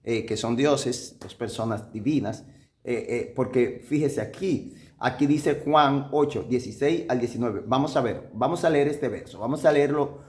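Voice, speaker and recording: A male pastor teaching from the Bible, reasoning step by step with rhetorical questions and repeating key points for emphasis, slowing down to read verses aloud. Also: mid-range voice, a little mellow. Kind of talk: sermon-style Bible teaching.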